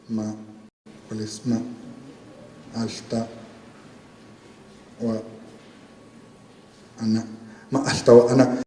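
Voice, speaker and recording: A man's voice: mid-range voice, warm tone. A man who speaks Totonac as a first language, explaining an orthography project carefully with many fillers. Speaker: university team member presenting software. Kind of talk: explanatory presentation. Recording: roomy recording with long reverb.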